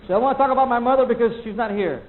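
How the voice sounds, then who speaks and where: Guy doing standup, kinda high voice, rambly, does little sound effects, tinny old vhs audio. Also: racing, a little hiss or hum. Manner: rambling, loose delivery, mimics sounds and people. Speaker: stand-up comedian. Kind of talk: stand-up comedy set. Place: comedy club stage. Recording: lo-fi VHS tape recording.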